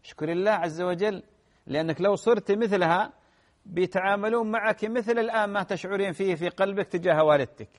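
A man, a sheikh answering listeners' religious questions in a gentle advisory way. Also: high voice, quick pace, big-room sound. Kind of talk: radio religious Q&A.

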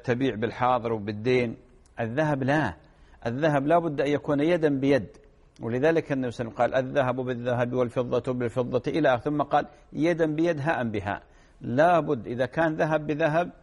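Fast-talking man explaining religious rulings. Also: medium pitch. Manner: steady, explanatory, quotes scripture. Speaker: Islamic scholar answering listener questions. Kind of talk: religious Q&A program.

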